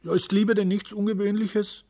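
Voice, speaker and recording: Man voicing a small young day figure, very high childlike pitch, excited, breathless, stammering, storybook. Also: moderate pace, lightly acted. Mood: eager, breathless. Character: small eager young day, boy-like, innocent.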